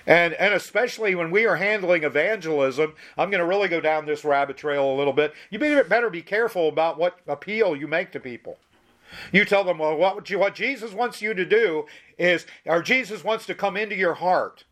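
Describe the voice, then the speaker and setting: Higher-voiced man preaching emphatically. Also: brisk, fairly bright tone. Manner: emphatic, conversational, with many restarts. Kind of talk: sermon with Bible reading.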